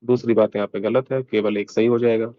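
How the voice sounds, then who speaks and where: A man's voice: lowish voice, little pitch movement, brisk, no room sound, lo-fi sound. A man teaching an exam-prep lesson in a casual, chatty way, explaining each answer step by step and mixing in English terms.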